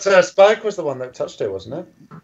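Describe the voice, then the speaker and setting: A man's voice: a little high, very animated, a little fast, vocal fry. A man chatting casually in commentary, laid-back and agreeable. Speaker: co-host reviewing a cartoon episode. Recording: dull lo-fi recording.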